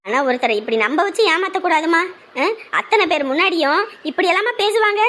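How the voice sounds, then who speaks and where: A woman scolds sharply and indignantly, her pitch very high. Her talk is loud and rapid-fire in a village family quarrel. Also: expressive. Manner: lamenting then fiercely scolding. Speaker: wife of the brother, sister-in-law of the bride's side. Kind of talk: rural family drama acting.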